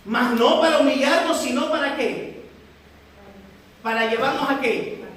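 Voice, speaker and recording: Woman preacher, high voice, questioning the flock, distant mic in a booming hall. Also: slight background noise. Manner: asks the congregation rhetorical questions; addresses listeners warmly as brothers and sisters. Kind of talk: teaching sermon. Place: large echoey church hall. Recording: echoey church hall from far off.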